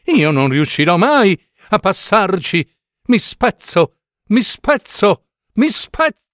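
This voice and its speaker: A man voicing a vain, fragile darning needle in a storybook, high and fussy, very full of itself. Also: very animated, takes it slowly, no room sound, clean studio sound. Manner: high-pitched, fussy and self-important.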